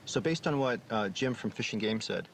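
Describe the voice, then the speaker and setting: A man's voice: fairly low pitch, expressive, moderate pace. A man from a wildlife film crew talks casually through plans on location. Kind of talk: casual planning talk on location. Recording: clearly noisy location sound.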